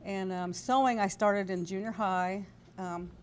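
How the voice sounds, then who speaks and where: A California woman in her sixties with an American accent reminisces casually and hesitantly as an interview guest at a desk in a TV studio, recorded on a lapel mic. Her mid-range voice is fairly even in intonation and a little slow, with slight background noise.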